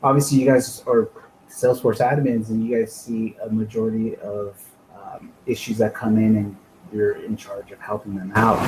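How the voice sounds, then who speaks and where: A man's voice: lowish voice, noisy background. Man presenting on a video call. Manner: conversational, with frequent fillers. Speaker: guest presenter. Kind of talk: online meetup presentation. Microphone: home computer microphone on a video call.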